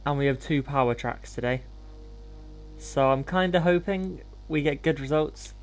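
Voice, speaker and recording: A man's voice: fairly high pitch, moderate pace. A man hosting a gaming livestream, talking in an informal, laid-back, self-deprecating way as he commentates. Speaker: live streamer hosting gameplay.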